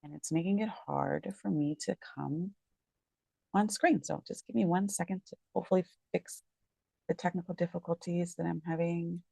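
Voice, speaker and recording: A woman with a lowish, steady, gravelly voice, warm and slightly rough, speaks at a moderate pace about a court case in a casual way. A real estate agent and legal commentator, she's at home late at night, sounding tired, rambling, correcting herself, and apologizing. The recording is dry.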